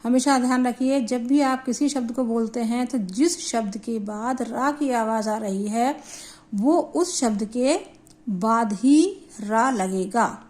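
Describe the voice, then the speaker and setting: Her voice a little high and a little mellow, a woman works through Hindi grammar with her students. She goes slowly and deliberately, breaking words into syllables.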